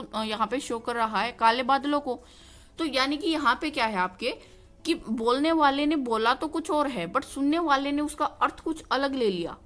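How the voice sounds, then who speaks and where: A woman's voice: fairly high pitch, a bit bright. A woman teaching a grammar lesson, asking herself questions and then answering them, often checking in with "okay". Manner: explains by asking and answering her own questions, repeats "ठीक है". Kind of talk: classroom-style grammar lesson.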